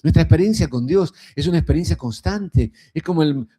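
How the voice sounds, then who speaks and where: Man, Rioplatense accent, middle-aged, preaching, chatty and folksy, warm mellow voice. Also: fairly high pitch, lively intonation, brisk, husky. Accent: Rioplatense Spanish. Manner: folksy and conversational, frequent rhetorical "¿no?". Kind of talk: sermon.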